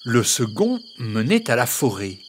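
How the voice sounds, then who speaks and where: A man narrating a children's tale in an expressive storytelling manner. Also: medium pitch, measured pace, slight background noise.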